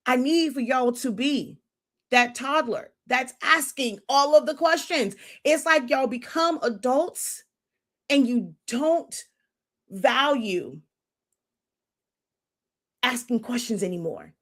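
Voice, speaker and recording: Her voice sits high and sounds animated, but she takes things slowly, leaving long pauses. She is a business mentor teaching live and unscripted on a livestream, blunt and lecturing, and often stuck searching for a word.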